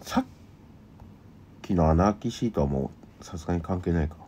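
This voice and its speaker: A man's voice: deep voice, expressive, normal speed, mellow, slightly rough. A man giving casual commentary on a horror game with a co-host, blunt and teasing. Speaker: gaming video co-host.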